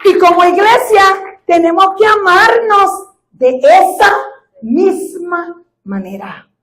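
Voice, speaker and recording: Woman pastor, Puerto Rican Spanish accent, high-pitched, middle-aged, sermon testimony, rises to shouting. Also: expressive, takes it slowly. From Puerto Rico. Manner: storytelling testimony that builds to fervent shouting.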